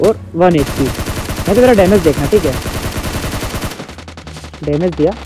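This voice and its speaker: A man giving casual, excitable gameplay commentary full of teasing trash talk. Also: high-pitched, a little slow, noisy background. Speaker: mobile game streamer. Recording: game music and gunfire behind the voice.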